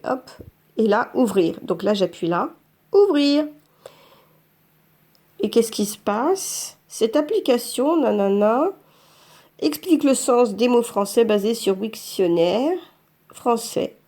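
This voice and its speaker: A woman's voice: a little high, a little mellow. A woman teaching French learners, patiently talking through each step of using a phone app. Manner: slow, patient, narrates each tap aloud. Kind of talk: screen-by-screen app tutorial for learners.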